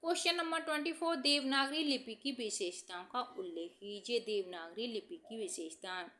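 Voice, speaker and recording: High-voiced woman reading study notes. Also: moderate pace, a little hiss or hum. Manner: steady dictation-like reading, announces question numbers. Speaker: teacher reading exam answers.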